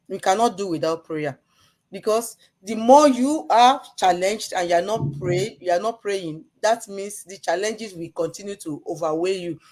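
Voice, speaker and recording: A woman's voice: on the low side, darkish tone. A woman from Nigeria, speaking earnestly and emphatically about her faith on a live show.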